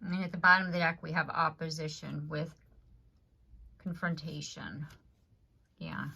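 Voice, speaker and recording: A woman with a notably low, deep speaking voice gives a chatty tarot reading to her viewers. She talks in loose, rambling runs, circling back on her points and often checking in with "you know what I mean.". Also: flat delivery, unhurried, vocal fry, sharp tone, breathy edge. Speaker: tarot reader. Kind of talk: casual collective tarot reading to camera.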